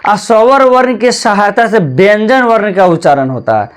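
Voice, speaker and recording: A man with a fairly high voice teaches a grammar lesson at a board in a classroom. He keeps repeating the key points and asks the class questions that he answers himself. He often calls his viewers "brother". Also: lively intonation, normal speed, clear, resonant tone. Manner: addresses viewers as "bhai" (brother).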